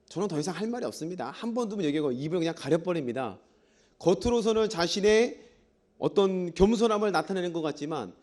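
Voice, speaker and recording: A man's voice: high-pitched, darkish tone. A middle-aged man preaching a sermon in a church, reading scripture and asking the congregation questions. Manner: acts out quoted dialogue. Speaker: pastor.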